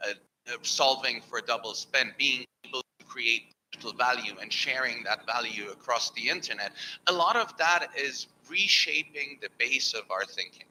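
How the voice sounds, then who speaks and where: A man's voice: medium pitch, normal speed, bright, forceful tone, a little hiss or hum, poor audio. A man from Germany speaking on a panel at an event, emphatic and persuasive. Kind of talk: panel discussion. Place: event hall.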